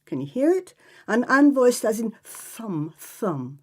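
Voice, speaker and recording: Lively woman teaching phonics. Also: fairly high pitch. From Ireland. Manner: lively, explains slowly, drawing out example sounds. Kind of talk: lecture to trainee teachers.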